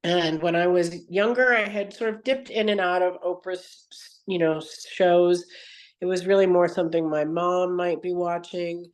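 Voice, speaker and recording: In a conversational podcast interview, a woman guest relates her story at length with earnest digressions, often correcting herself mid-sentence. She speaks at a measured pace in a fairly low voice with a steady tone.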